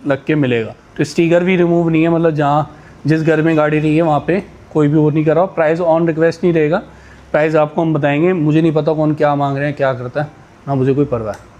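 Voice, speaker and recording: A man pitching used superbikes in a casual, boastful way, rattling off price countdowns. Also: fairly even intonation, fairly quick, a little mellow.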